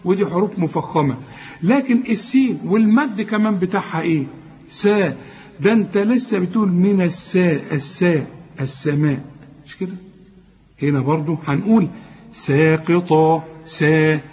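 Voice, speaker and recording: A man with an Egyptian accent gives a tajweed lesson. His voice sits a little high, and he explains each rule before drawing the letters out slowly. The recording is a bit dull and lo-fi. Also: dark tone. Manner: explains rules, then slowly drawls out sounds. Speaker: Quran recitation teacher. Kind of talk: tajweed lesson with recited verses.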